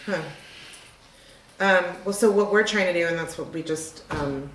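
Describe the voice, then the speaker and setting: A woman's voice: on the low side, moderate pace, a bit bright, a little hiss or hum. Chatty middle-aged woman, echoey room. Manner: chatty, rambling, lots of fillers. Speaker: restaurant owner. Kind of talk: casual interview conversation.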